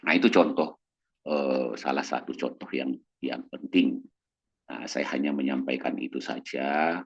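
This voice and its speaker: Deep husky guy, doctor doing a chill church talk, voice swings all over, kinda muffled lo-fi sound. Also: a little slow. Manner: animated, acts out quoted voices in a raised pitch. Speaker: doctor guest speaker. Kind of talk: casual church talk on mental health.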